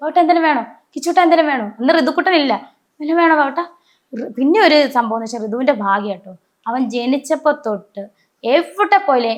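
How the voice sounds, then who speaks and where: A woman in an emotional personal interview, telling stories and acting out the voices of the people in them, often stopping to correct herself. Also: a little high. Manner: animated storytelling, acting out quoted voices; frequent restarts and self-corrections.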